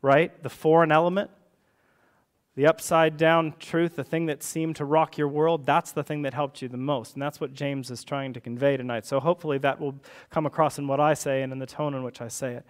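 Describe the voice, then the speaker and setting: A man's voice: a little high, steady tone, fairly quick. Conversational man preaching a sermon. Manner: conversational, checks in with tag questions. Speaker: rector preaching. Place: church service.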